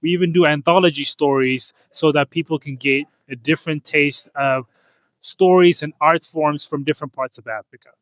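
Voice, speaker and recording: A man's voice: on the high side, normal speed, dry recording. A man from Ethiopia, a comics publisher, answering interview questions in an earnest, casual way, often restarting phrases. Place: comic convention floor.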